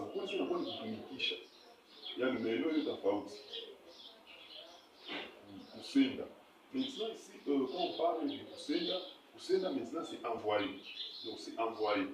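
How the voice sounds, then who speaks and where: A man giving a spoken language lesson, explaining slowly with many fillers, stammered repeats and checks of whether his listeners understand. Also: medium pitch. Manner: explains slowly, asks "vous comprenez?". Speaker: language teacher. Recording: echoey, distant, noisy room.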